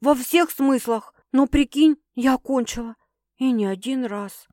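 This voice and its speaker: A woman's voice: high-pitched, measured pace, darkish tone, no room sound, studio quality, pitched above the performer's own voice. A woman reading an audiobook voices Sasha, a rattled young woman, with exasperated, sardonic and swearing retorts.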